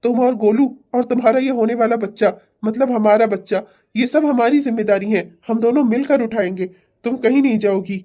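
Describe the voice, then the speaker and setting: Woman doing a young cartoon husband, earnest and apologetic, mellow voice. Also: on the high side, fairly quick, natural voice. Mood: pleading. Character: remorseful young husband pleading with his wife. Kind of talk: cartoon family-drama dubbing.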